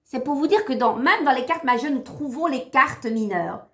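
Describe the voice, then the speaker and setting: A woman's voice: high-pitched, lively intonation, normal speed. Chatty theatrical tarot reader, a woman. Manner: theatrical, chatty, talks straight to viewers. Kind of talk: live stream card reading.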